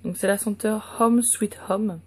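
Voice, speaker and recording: A woman's voice: medium pitch, steady tone, measured pace, husky. A woman vlogger talking casually through an unboxing, hesitant and full of fillers.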